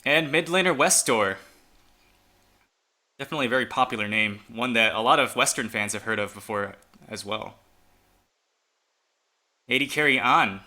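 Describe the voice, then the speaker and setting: A Chinese-speaking man casts a fan esports match, casually chatting as he announces the players one at a time. His medium-pitched voice is pushed and bright, moving at a moderate pace with frequent pauses.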